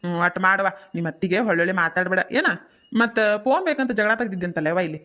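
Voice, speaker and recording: A mid-pitched, quick-talking village father, voiced by a performer who keeps trying to calm everyone down. His speech has a North Karnataka accent and a gentle, coaxing manner. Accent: North Karnataka Kannada. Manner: coaxing, calming tone. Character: soothing village father, peacemaker.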